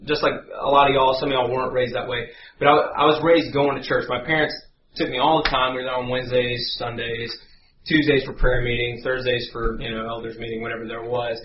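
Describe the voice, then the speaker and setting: A man telling a lively story in a sermon, acting out voices and sound effects as he goes. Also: medium pitch, brisk. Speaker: guest preacher. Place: church sanctuary. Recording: echoey church, dull sound, faint hum.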